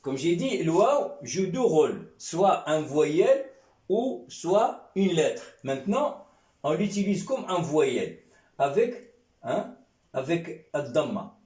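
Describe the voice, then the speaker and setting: A male Arabic teacher gives a classroom lesson in French, patiently repeating sounds and checking on students with a questioning "hein?". His voice is fairly high with big pitch swings, slow and somewhat dark in tone. The recording is roomy and echoey, with the mic placed at a distance.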